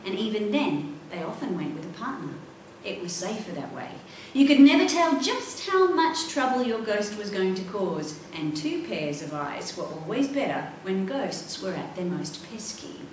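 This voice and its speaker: This is a middle-aged woman giving an expressive, dramatic reading of the children's adventure novel she wrote, her pitch medium. The setting is an indoor library room where she sits at a table, captured in echoey sound from a distant mic with some faint noise.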